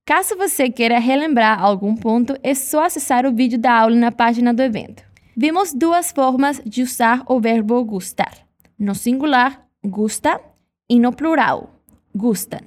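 A Brazilian woman teaching Spanish pronunciation in a scripted lesson, saying model words slowly for repetition. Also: on the high side.

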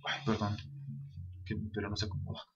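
In dull lo-fi sound, a young Mexican-accented vlogger speaks brisk and fairly low, with little pitch movement and some vocal fry. He casually and earnestly tells his viewers a personal anecdote, addressing the camera directly.

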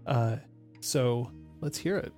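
A man's voice: mid-range voice, takes it slowly, a little mellow, faint music behind. A man acting as game master in a casual chat, with dry jokes.

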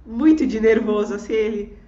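Animated woman telling a story in an echoey room. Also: medium pitch, moderate pace, lo-fi sound. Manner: animated, acts out quoted voices, laughs often. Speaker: guest telling a personal story. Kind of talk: casual storytelling conversation.

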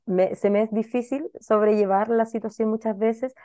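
A woman, a child psychologist, giving advice and often pausing with fillers and checks like "right?". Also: on the high side, fairly even intonation, mellow, no echo. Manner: thoughtful, many fillers and checking "¿ya?". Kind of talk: advice talk answering a listener question.

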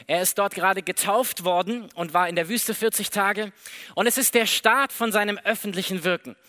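A man preaching a sermon in a lively, conversational way, acting out the dialogue of the story as he tells it. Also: sits high, normal speed. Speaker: pastor.

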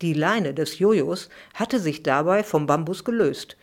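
A middle-aged woman, a children's author, reading her own bedtime story aloud for a podcast in a lively, expressive way. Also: sits low, unhurried, a little hiss or hum.

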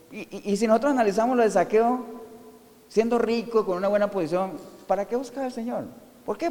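A man's voice: high-pitched, a little mellow, long reverb tail. A man preaching a sermon, asking the congregation questions and answering them himself.

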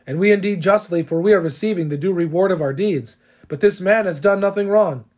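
A man voicing an earnest, repentant male criminal in a measured reading. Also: sits high, darkish tone, pitched above the performer's own voice.

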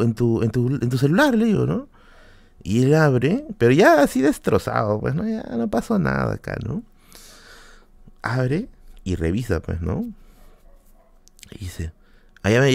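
Lively young man telling a story. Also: vocal fry, no echo. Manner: animated, jumps high when quoting people, repeats words, laughs often. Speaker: podcast host. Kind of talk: casual storytelling.

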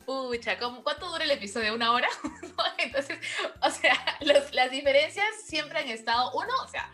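Bright-voiced Peruvian woman telling stories. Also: sits high, moderate pace, faint music behind. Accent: Peruvian Spanish. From Peru. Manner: lively, anecdotal, quotes her partner's replies. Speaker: interview guest. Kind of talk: casual conversational storytelling.

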